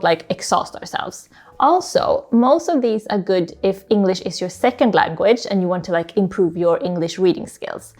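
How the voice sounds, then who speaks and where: A woman with a medium-pitched, somewhat mellow voice, Swedish by first language, hosts a book YouTube channel and talks casually to camera with recommendations. Informal and chatty, she often drops "like" into her sentences.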